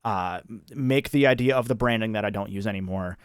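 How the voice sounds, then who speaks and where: A man with a fairly low voice talks casually as a livestream host. He has a practised on-air voice but feels his way through sentences, often doubling back. The sound is dry, with very little room echo. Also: smooth. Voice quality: practised character speaking voice. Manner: deliberate, halting, self-correcting. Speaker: video creator hosting an anniversary livestream.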